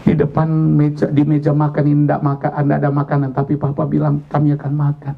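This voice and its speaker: A male pastor voicing a young child who prays earnestly for his father, quieter and lower than his usual voice. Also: completely flat delivery, brisk, creaky, narrow, tinny audio. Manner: earnest, hushed.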